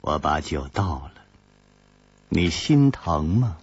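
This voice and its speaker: Brief: man doing a proud swordswoman, husky and low, teasing, dull lo-fi audiobook sound. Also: sing-song, slow pace, dry recording, heavily acted. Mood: tender. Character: proud young swordswoman, sharp-tongued yet tender. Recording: dull lo-fi recording.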